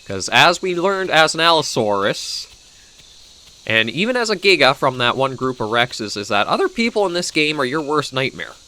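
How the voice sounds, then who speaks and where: A Canadian-accented gaming video host who's coming down with a cold gives casual, rambling gameplay commentary, thinking aloud as he plays. His voice is medium-pitched and sing-song with a sharp tone at a normal speed, and there's a bit of hiss or hum.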